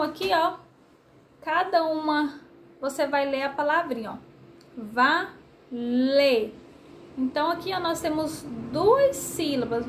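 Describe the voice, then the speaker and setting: In a high voice, a woman teaches a remote literacy lesson to first graders in Brazilian Portuguese, patiently stretching out syllables for the young children.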